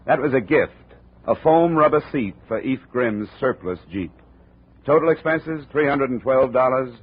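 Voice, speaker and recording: A husky, mid-range male voice with lively intonation moves at normal speed. The recording is tinny old radio, where he narrates and performs a hardboiled insurance investigator in a 1950s drama, dry and clipped.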